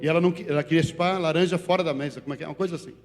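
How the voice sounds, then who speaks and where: A male pastor from Brazil preaching a sermon, animated, moving between loud calls to the congregation and quiet asides. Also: on the high side, very fast. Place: church sanctuary. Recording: reverberant church hall with faint music.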